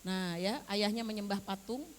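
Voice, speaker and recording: An older woman with an Indonesian accent giving a storytelling religious lecture to a women's group, animated and acting out the voices in her story. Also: mid-range voice, normal speed. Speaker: religious teacher. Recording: hall reverb with faint hiss.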